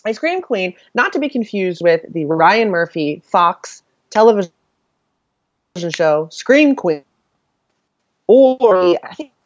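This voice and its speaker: A woman co-hosting a casual podcast, talking from notes in a halting way. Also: medium pitch, very animated, no room sound, highs cut off. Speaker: podcast co-host.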